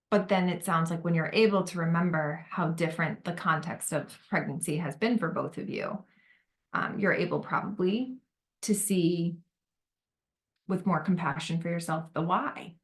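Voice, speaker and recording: A woman facilitating a group discussion on motherhood, gentle and validating, with many fillers. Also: lowish voice, a little slow, pauses often. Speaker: workshop facilitator.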